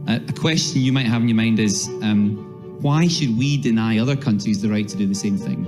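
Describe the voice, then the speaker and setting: A man calmly explaining a point step by step as an expert commentator. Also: lowish voice, brisk, over music. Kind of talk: explanatory talk.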